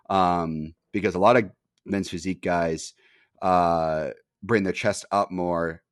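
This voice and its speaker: A man's voice: deep voice, no room sound, clean studio sound. A young man hosting a podcast, telling a rambling story in casual chat, full of fillers and casual swearing. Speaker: podcast host.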